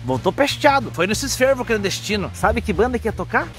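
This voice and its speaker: Joking man. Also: brisk. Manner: joking, teasing, lively swings in pitch. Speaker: comedian doing a regional bit. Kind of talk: comic monologue. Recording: clip with music behind.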